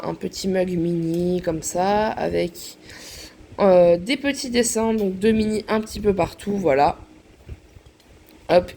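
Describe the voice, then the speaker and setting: In a relaxed show-and-tell vlog, a collector presents her items, her mid-range voice carrying a darkish tone. Her talk is chatty, sprinkled with many fillers and small asides like "hop" and "voilà."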